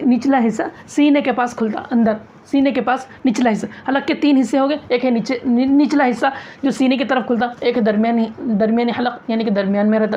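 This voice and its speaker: A woman teaching a recitation class, asking questions, answering them herself and repeating key phrases. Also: fairly high pitch. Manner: demonstrates sounds aloud, loud and drawn out. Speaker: tajweed teacher. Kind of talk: classroom lesson on Quran recitation. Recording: dull lo-fi classroom recording.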